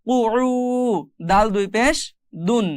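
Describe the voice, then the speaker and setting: A patient Quran reading teacher gives a step-by-step recitation lesson, naming each letter and vowel mark before slowly drawing the word out. The voice sits at a middle pitch and sounds close and dry, with no room around it. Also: dry recording. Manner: spells out letters and vowel marks one by one, then slowly draws out each word; patient, explanatory, addressing viewers directly.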